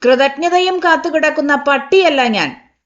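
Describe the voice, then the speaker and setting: A woman's voice: on the high side, takes it slowly, dull audio. A woman voicing a proud, grieving older uncle in an audiobook, choked with feeling at times and stern at others. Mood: commanding. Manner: choked, then stern and commanding. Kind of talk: audiobook reading.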